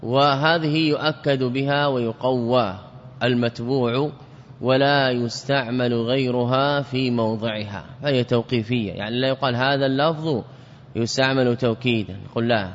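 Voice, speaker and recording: A man's voice: mid-range voice, steady tone, normal speed. A man giving a classical grammar lesson, who explains by repeating words and asking himself questions. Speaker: teacher of Arabic grammar. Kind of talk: classical lecture. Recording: dull lo-fi audio with reverb.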